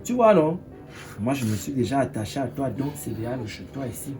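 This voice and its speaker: An actor with a Cameroonian French accent playing a smooth-talking older man courting a young girl, with a wheedling, coaxing manner. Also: mid-range voice, animated, a little fast, darkish tone, soft background music, lightly acted.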